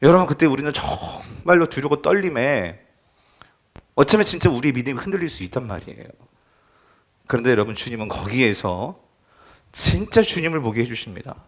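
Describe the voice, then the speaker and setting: Animated man preaching a sermon. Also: medium pitch, fairly quick, long pauses. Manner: asks the congregation questions, emphatic. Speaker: pastor. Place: church.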